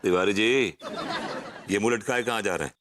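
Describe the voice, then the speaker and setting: A man playing a low-voiced teasing neighbour. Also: moderate pace, background noise, close to an everyday voice. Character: teasing middle-aged neighbour, sulking over being called uncle. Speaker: sitcom character. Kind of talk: broadcast sitcom acting.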